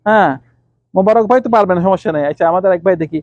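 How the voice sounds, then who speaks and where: A man teaching Arabic letters to a class, calling on students by name and repeating letter sounds slowly. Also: high voice, darkish tone, no echo, highs cut off.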